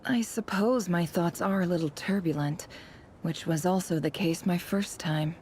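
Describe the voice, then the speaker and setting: An actress playing a shrewd, imperious female boss in a video game, haughty and teasing, speaking in a deliberate, eloquent way. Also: fairly low pitch, a little mellow, a little hiss or hum, natural voice. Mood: cryptic, assured. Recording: music behind the voice.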